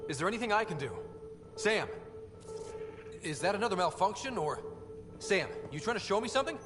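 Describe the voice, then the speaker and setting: A man's voice: high voice, big pitch swings, a little fast, long reverb tail, over music. An actor playing an earnest young male space explorer who speaks conversationally. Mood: urgent.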